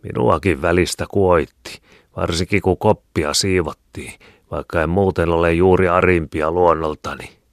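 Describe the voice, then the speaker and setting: A man's voice: sits low, fairly even intonation, dry recording, clean studio sound, voice pushed up. A man voicing a coarse, hardened old workhouse woman who talks in a jeering, offhand way. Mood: mocking.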